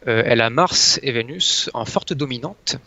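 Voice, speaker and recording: Hesitant gravelly male guest explaining astrology, halting delivery, muffled lo-fi recording. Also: mid-range voice, animated, sharp tone. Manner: hesitant, pauses often to search for words. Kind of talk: casual presentation of a chart. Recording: dull lo-fi sound.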